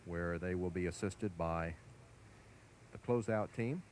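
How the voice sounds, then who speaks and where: A man giving measured, formal live commentary as a launch commentator. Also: sits low, darkish tone. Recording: faint background noise.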